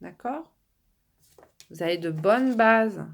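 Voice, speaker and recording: Losing her voice, a French woman gives casual, reassuring card-reading guidance to viewers as a tarot reader. Her medium-pitched voice is gravelly and lively in intonation, and she takes it slowly, with many fillers and restarts.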